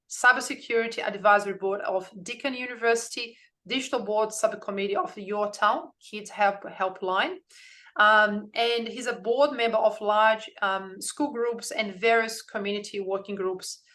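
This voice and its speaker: A woman's voice: mid-range voice, fairly bright tone. Woman host with lots of ums. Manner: hesitant, many um fillers and restarts. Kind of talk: introducing a guest and interviewing.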